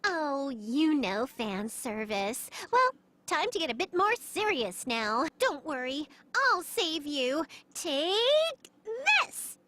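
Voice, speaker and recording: Plucky anime game girl: high, animated, playful and cheeky, unhurried pace. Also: exaggerated voice. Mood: determined. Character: bubbly, goofy, brave young girl heroine. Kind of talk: anime-style game voice acting.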